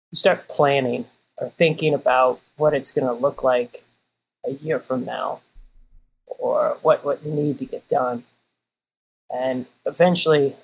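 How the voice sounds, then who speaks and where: A man's voice: medium pitch, vocal fry, slightly rough, poor audio. A man from Kansas City, a guest in a casual conversation, easygoing and dry in his humor. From Kansas City, United States.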